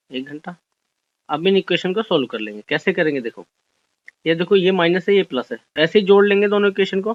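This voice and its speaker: A young man with a fairly high voice walks through exam maths problems one step at a time, asking questions and answering them himself. The recording is dry and a little dull, like a close mic with a lo-fi edge. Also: no echo. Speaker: maths teacher. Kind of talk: exam-solution maths lesson.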